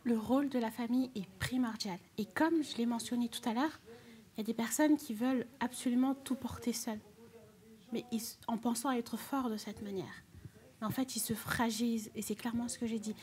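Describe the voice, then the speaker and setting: A woman with a French accent speaking as an expert guest, explaining in a measured, assured way. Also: a little high, fairly even intonation, a little mellow. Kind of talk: explaining on a talk show.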